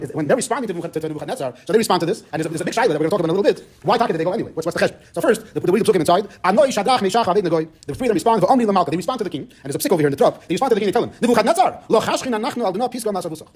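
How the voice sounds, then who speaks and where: Male rabbi, Torah class lecturer: very fast delivery, raised pitch, acts out the story's dialogue. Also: darkish tone. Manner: retells the story briskly, acting out dialogue; mixes Hebrew and Yiddish terms into his teaching.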